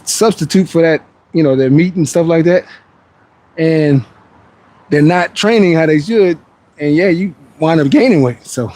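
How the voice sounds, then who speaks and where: A man's voice: a little high, darkish tone. A man in his forties chatting casually on a fitness livestream, answering viewer questions between sets in a laid-back, rambling way. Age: 40s.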